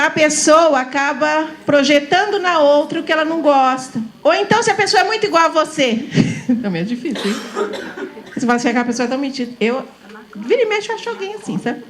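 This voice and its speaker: Her voice high and lively, a middle-aged woman from São Paulo, Brazil, gives a roomful of teachers a casual, talkative lecture. She laughs readily and repeatedly asks the listeners small questions to win their agreement.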